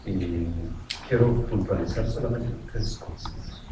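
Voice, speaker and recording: A low-pitched man from Costa Rica addresses a meeting in an earnest, halting way. He stands well back from the mic, and his voice rings through a large, very echoey hall. A clear hum of noise runs underneath. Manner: earnest, deliberate, with pauses and restarts. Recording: echoey room, distant mic, noisy.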